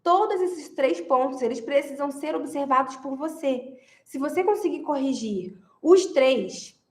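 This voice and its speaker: Woman, high voice, emphatic direct-address advice giver, roomy echo. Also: animated, a little slow, a little mellow. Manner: emphatic, repeats key phrases, addresses viewers directly. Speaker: marriage advice speaker. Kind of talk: direct-to-camera advice talk.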